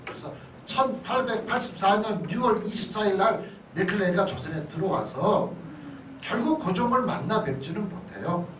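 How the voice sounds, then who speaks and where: In a high, sing-song voice at a moderate pace, a male pastor lectures on history in a church hall, keeping it chatty with questions and asides to the audience. A distant microphone picks him up in an echoey hall with background noise.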